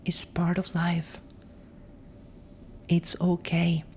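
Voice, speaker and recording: Slow, hushed woman in soothing ASMR. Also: lowish voice, completely flat delivery, a little hiss or hum. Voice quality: breathy, often dropping into whisper. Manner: soothing, gentle, reflective. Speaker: ASMR host. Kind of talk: soft ASMR monologue for sleep, often whispered.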